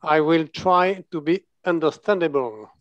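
A French-accented man presents as a surgeon, pausing and correcting himself as he searches for English words. His voice sits somewhat high and sounds dry and close. The video call audio is dull and lo-fi. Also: no echo. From France. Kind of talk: conference presentation.

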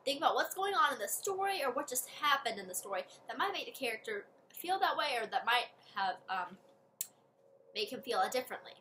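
Woman teacher, high bright voice, friendly read-aloud lesson for kids, faint hiss. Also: big pitch swings, brisk. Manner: friendly, explains step by step to kids.

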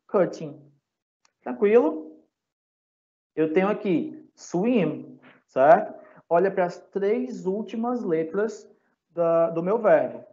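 A man's voice: high-pitched, warm tone, muffled recording. A man with a Brazilian Portuguese accent teaching an English lesson to a class, patiently spelling out letters and checking in constantly to see that students follow. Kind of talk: recorded online class lesson. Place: classroom or home for a live online class.

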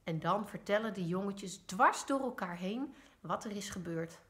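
A woman teacher reading a children's story aloud in a lively, expressive way. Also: medium pitch, moderate pace.

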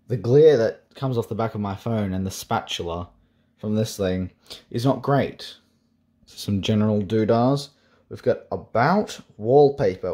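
A man's voice: mid-range voice, darkish tone. A young man casually reviewing an old device, with sarcastic jokes and offhand asides. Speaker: tech reviewer. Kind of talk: casual tech review vlog.

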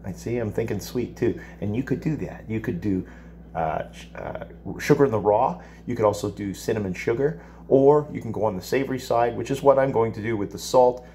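A man in his fifties teaching a casual cooking demonstration in a home kitchen, explaining each step in a relaxed, chatty way. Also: lowish voice, a little fast, slight background noise. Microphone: camera across the counter.

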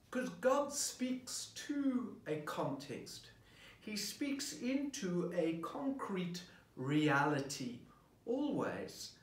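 A parish priest with a fairly high male voice speaks slowly and reflectively while preparing a sermon, posing questions to the listener. He sits at a desk in an indoor office, filmed by a camera at desk distance, so the sound is roomy and distant.

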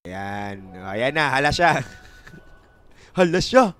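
A young Filipino man casting a game casually, joking and laughing, then shouting at big plays. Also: medium pitch, big pitch swings, extremely slow, clear, resonant tone. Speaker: esports caster. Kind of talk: casual play-by-play commentary.

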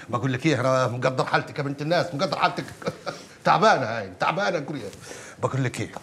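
An actor playing a soothing working-class uncle in an Egyptian TV drama, speaking Egyptian Arabic and often repeating himself. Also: male voice, medium pitch, fast, a bit bright, slight background noise, close to an everyday voice. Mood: calming.

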